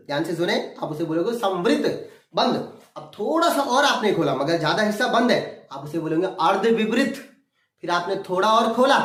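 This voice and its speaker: A man's voice: high-pitched, reverberant. A male Hindi grammar teacher lecturing at a board in a classroom, repeating key terms and often telling students to listen carefully.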